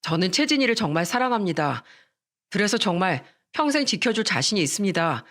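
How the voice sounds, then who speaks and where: A woman's voice: mid-range voice, sing-song, fairly quick, fairly bright tone. A woman voicing an earnest, resolute young man who is a doctor-to-be groom.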